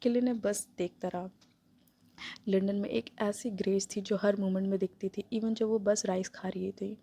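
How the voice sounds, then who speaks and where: A woman's voice: mid-range voice, steady tone, moderate pace, mellow. A woman narrating a romance novel as a casual storytelling recap, mixing in English words.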